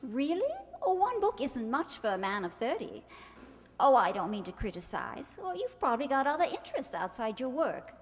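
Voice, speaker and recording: High-pitched and sing-song at normal speed, she voices the haughty bride of high society, sharp of tongue and posing as a gushing hostess, in a radio staging of a 1940s screwball comedy. Her manner is grand and affected, gushing and arch, and the hall recording is reverberant.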